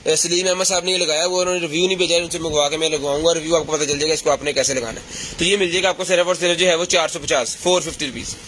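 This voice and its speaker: High-pitched man, hard-sell seller. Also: fairly even intonation, rapid-fire, fairly bright tone, slight background noise. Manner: repeats prices and sales phrases insistently. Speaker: live-sale seller.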